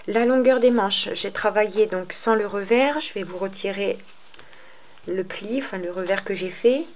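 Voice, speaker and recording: A woman hosting a crochet tutorial, explaining step by step in an unhurried, hesitant way with many fillers. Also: mid-range voice, a little hiss or hum. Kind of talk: casual spoken tutorial.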